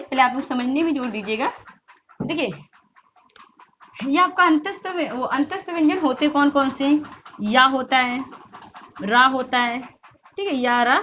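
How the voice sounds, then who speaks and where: High-voiced woman drilling a grammar lesson. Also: expressive, normal speed, pushed and bright. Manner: repeats questions and answers them herself, drills sounds aloud. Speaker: teacher. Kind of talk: online grammar lesson for exam students. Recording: slightly dull lo-fi sound with faint noise.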